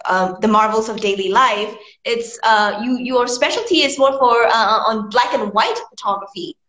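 A young woman interviewing a guest over a video call, friendly and halting, with many fillers. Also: on the high side, fairly bright tone, echoey room. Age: young adult. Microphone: video call, built-in mic.

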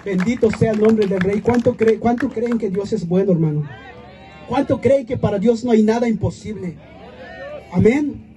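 A man's voice: high voice, moderate pace, dark tone, a faint crowd. A man giving an impassioned church testimony at an outdoor prayer vigil, calling out to the congregation like a preacher.

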